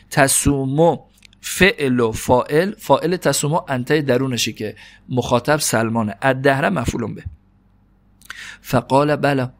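A man teaching an Arabic grammar lesson in Persian, who recites Arabic phrases slowly and drills verb conjugations. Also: medium pitch, creaky. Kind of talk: classroom lesson, parsing Arabic text.

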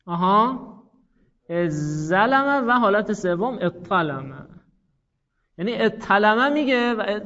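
Male teacher, high voice, animated, encouraging, dull lo-fi recording. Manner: animated, praises students, repeats examples slowly. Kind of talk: classroom lesson on Arabic morphology.

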